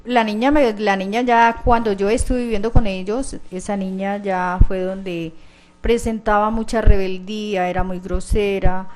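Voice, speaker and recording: A woman's voice: medium pitch, fairly even intonation, normal speed, a little mellow. A woman giving courtroom testimony as a witness, hesitant with many fillers and retelling scenes through quoted dialogue.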